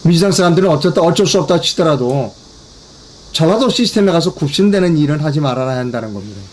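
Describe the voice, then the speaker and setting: Korean guy doing a commentary show, kinda high voice, hammers his points, faint noise behind. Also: animated, fast. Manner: emphatic, repeating key phrases, addressing viewers directly. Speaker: commentary channel host. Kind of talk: political commentary broadcast.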